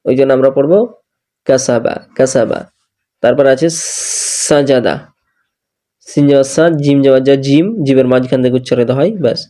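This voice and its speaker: A man's voice: medium pitch, fairly even intonation, a little fast, pauses often, dark tone. A man with a Bangladeshi Bengali accent teaching Quran recitation, patiently spelling out letters and syllables and repeating them. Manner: patient, repeats each syllable and corrects mistakes.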